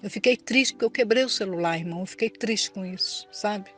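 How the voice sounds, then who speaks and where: Older woman, heartfelt testimony voice, mid pitch, soft music under her. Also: fairly quick. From Brazil. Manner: earnest, tearful storytelling, addresses listener as brother. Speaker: church member giving testimony. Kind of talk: emotional personal testimony.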